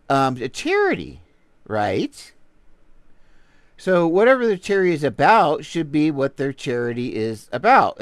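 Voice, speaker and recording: A man's voice: on the high side, no echo. A man with a Texan accent hosting a casual livestream, rambling playfully and greeting viewers while he browses. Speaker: livestream host.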